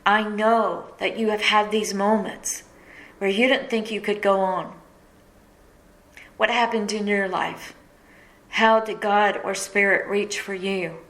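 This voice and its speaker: A middle-aged woman speaks straight to her listeners, tearing up as she tells her own story. Her delivery is emotional and heartfelt, at an ordinary pitch for a woman. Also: fairly even intonation, slow pace, fairly bright tone, rough recording. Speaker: radio host and speaker. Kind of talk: personal testimony to listeners.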